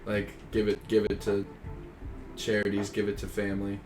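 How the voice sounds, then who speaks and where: A man's voice: lowish voice, completely flat delivery, normal speed, echoey room, music in the background. A man co-hosting a casual podcast, laid-back and rambling, cursing and laughing often. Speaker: podcast co-host. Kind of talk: casual chat.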